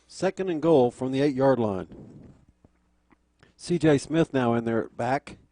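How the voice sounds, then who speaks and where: A man's voice: medium pitch, measured pace, dark tone. An American man calling a football game live as the play-by-play announcer. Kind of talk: live play-by-play sports commentary.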